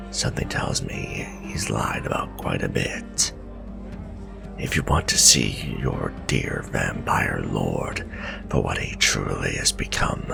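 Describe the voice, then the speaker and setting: Here the same kind of character appears: a man playing an ancient, bitter, distrustful werewolf vampire hunter in a dramatic fantasy ASMR roleplay, his mood scornful. With an exaggerated, very deep, gravelly, breathy growl, he gives grim, slow, deliberate warnings over clear background music.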